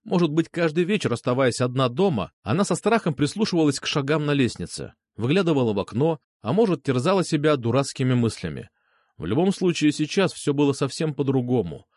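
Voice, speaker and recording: A man narrating an audiobook in the first person, reading in an expressive, animated way. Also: mid-range voice, a little fast, no echo.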